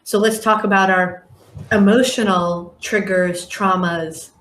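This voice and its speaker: A woman's voice: medium pitch, fairly even intonation, a little slow, a bit bright, echoey room. A woman speaking as a life coach guest on a podcast, earnest and reflective. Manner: earnest, reflective, acts out clients' voices. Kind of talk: podcast interview talk.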